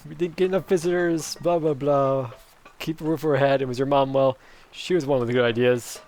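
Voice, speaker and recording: A gamer voicing a gentle, weary father in a video game, with a wobbly put-on Irish accent. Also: medium pitch, steady tone, a little fast, voice pushed down, natural voice. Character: weary caravan-park dad with a shaky Irish accent.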